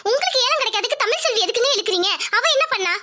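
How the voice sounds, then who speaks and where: Woman doing a fretting mother, cartoon, very high, bright, anxious. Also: lively intonation, very fast, exaggerated voice. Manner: anxious, pleading. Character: worried middle-aged mother and wife.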